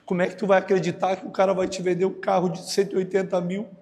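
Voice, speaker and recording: Animated pastor, echoing hall. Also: male voice, quick pace. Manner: animated, jokey, acts out other voices with big pitch jumps. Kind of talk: lively sermon with acted-out stories. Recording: long hall reverb.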